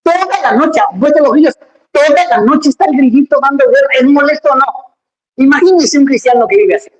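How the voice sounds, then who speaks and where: A pastor preaching a lively, emphatic sermon, speaking straight to the congregation in a church. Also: sits high, brisk. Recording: echoey church hall.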